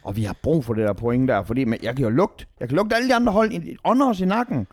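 A man in casual podcast chat about football, animated and swearing often when heated. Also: mid-range voice, no room sound. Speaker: podcast co-host, football fan.

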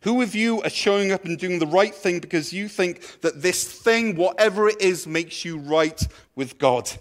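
A man's voice: sits high, moderate pace. A man, preaching a sermon to his church in a conversational, playful way. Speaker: pastor.

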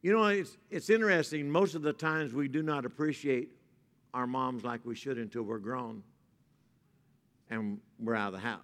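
A man preaching a sermon at a pulpit microphone in a church, moving from joking to a softer, reflective tone. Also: mid-range voice, normal speed. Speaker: pastor. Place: church sanctuary. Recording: reverberant church hall.

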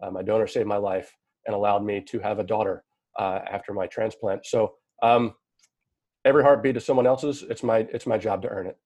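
A man's voice: lowish voice, fairly even intonation, fairly quick, a little mellow, dry recording. A man in his thirties or later, introducing himself on a panel in an earnest way, with many restarts and fillers.

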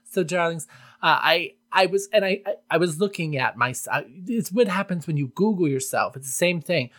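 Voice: medium pitch, lively intonation, normal speed, a bit bright. A podcast host chatting casually and solo in a campy, tongue-in-cheek manner. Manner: campy, tongue-in-cheek, addresses listeners as darlings.

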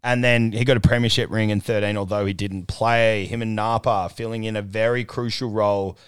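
A man's voice: on the low side, steady tone, a little fast, clear, resonant tone, no room sound. A man with an Australian accent co-hosting a podcast in casual sports banter, talking in a blokey, slangy, sweary way. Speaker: podcast co-host.

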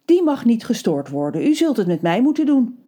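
A woman's voice: fairly high pitch, sing-song, brisk, warm tone, pitched above the performer's own voice. A woman voicing a strict, dismissive middle-aged woman who manages a guru's estate. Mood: stern.

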